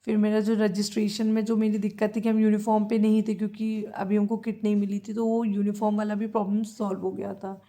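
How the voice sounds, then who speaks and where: A woman's voice: mid-range voice, monotone, fast talker, hardly any pauses, warm tone. A young woman in her twenties with an Indian accent, chatting casually in a diary-style vlog and often correcting herself as she goes. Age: 20s. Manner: chatty, self-correcting, mixes in English phrases. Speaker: vlogger. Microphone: handheld phone camera.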